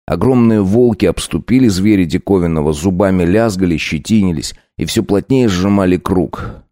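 A man narrating a dark folk-tale audiobook in a measured, storytelling way with folksy phrasing. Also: sits low, no echo, clean studio sound.

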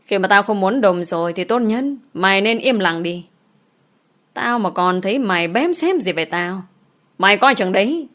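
A woman's voice: mid-range voice, animated, moderate pace, fairly bright tone, close to an everyday voice. A woman voicing a young woman who pleads through sobs and threatens through gritted teeth. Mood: furious. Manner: sobbing pleas, then teeth-gritted threats. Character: young woman, tearful then vicious.

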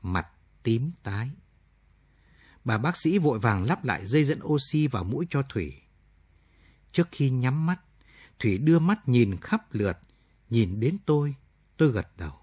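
A male storyteller reads a late-night radio story in a measured, somber voice. His tone is husky and sits at an ordinary pitch. The recording is dry, with no room sound. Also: sing-song, a little mellow, dry recording. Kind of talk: scripted narration of a radio story.

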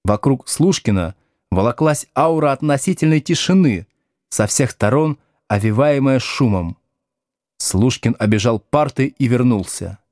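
A man reading a novel aloud as scripted narration with expressive storytelling. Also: mid-range voice, measured pace, no room sound, clean studio sound. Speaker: audiobook reader.

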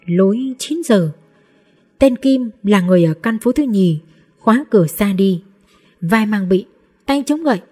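A woman reading a novel aloud in a steady, measured storybook narration. Her voice is dark and mellow, with a husky grain. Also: mid-range voice. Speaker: audiobook narrator.

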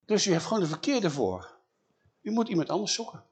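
A man's voice: high voice, wildly swooping pitch, a little fast, breathy edge, pitched above the performer's own voice, heavily acted. A man acting out a reluctant, pleading man who stutters and keeps making excuses. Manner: anxious, excuses himself repeatedly. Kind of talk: storyteller acting out a Bible figure.

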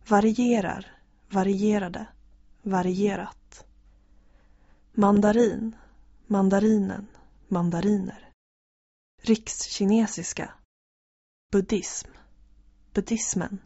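A woman reading a vocabulary list word by word, slowly and evenly, as a language lesson drill. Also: mid-range voice, mellow, slightly rough, no echo. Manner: reads single words slowly and evenly. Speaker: language teacher. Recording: dull lo-fi recording.

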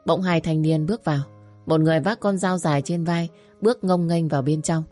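A woman with a low, deep voice reads a dramatic story in a steady, scripted manner. Faint music plays softly beneath her narration. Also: a little fast.

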